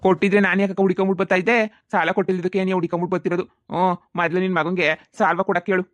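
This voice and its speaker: A man voicing a pushy, rapid moneylender. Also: high-pitched, flat delivery, no room sound, close to an everyday voice. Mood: demanding. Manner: shouting, threatening, demanding. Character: pushy, foul-mouthed village moneylender man. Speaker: moneylender in a cartoon comedy. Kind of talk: cartoon comedy voice acting.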